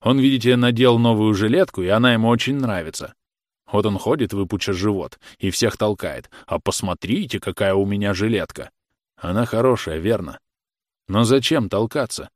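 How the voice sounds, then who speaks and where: Man playing gruff young workman, sardonic, blunt, teasing, low dry voice. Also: normal speed, dry recording, close to an everyday voice. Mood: mocking.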